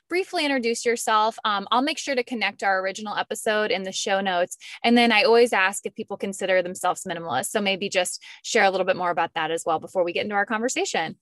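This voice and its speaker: A woman's voice: mid-range voice, a bit bright, no room sound. Female podcast host, enthusiastic and conversational, mid-range voice, dry recording. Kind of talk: podcast interview.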